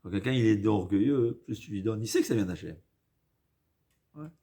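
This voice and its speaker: A man with a fairly low voice gives an informal religious lecture in French with a foreign accent, as a non-native speaker. He moves haltingly, repeating phrases for emphasis and dropping in Hebrew quotations. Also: dark tone. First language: not a native French speaker. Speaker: rabbi giving a religious lesson.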